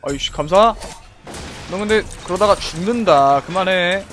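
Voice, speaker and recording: A young man streaming a video game live, swearing a lot and shouting at the action on screen. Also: sits high, normal speed. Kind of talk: live gameplay commentary. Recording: game music behind. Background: faint game music.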